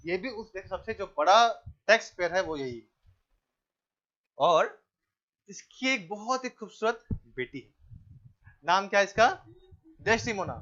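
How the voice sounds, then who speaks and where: A male teacher giving a classroom lecture, asking the class questions, answering them himself, repeating key names and telling the students to keep quiet. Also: high-pitched, lo-fi sound. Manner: tells the class to keep quiet and pay attention.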